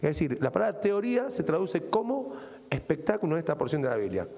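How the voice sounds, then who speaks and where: A middle-aged man with an Argentine accent delivers a sermon in a fairly high, sharply rising and falling voice. He keeps pulling his listeners in with little rhetorical questions. A long hall reverb trails after his words. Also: big pitch swings, fast talker, creaky, dark tone. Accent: Argentine Spanish. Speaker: pastor.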